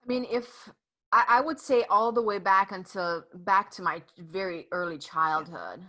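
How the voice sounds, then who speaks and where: A woman's voice: medium pitch, unhurried, pushed and bright. A woman from Romania, a native Hungarian speaker, talking as a guest in a casual interview and telling her story earnestly with many fillers. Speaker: podcast guest, author.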